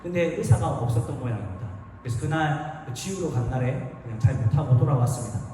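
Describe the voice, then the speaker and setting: A man's voice: medium pitch, animated, fast, warm tone. A man preaching a sermon as pastor, telling a story and acting out the voices in it. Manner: storytelling, acting out quoted dialogue. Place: church sanctuary. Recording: echoey hall, distant mic, noisy.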